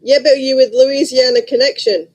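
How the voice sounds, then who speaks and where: A middle-aged woman vlogger with a Liverpool accent chats casually to camera, rambling and blunt with her viewers. Her voice is high-pitched, her tone steady and her pace moderate.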